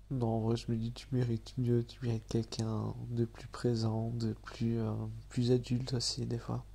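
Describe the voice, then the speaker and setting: A man's voice: mid-range voice, creaky, breathy edge. Nasal man in whispered role-play. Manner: hesitant, soft, apologetic, with many fillers and soft laughs. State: slightly hoarse from allergies.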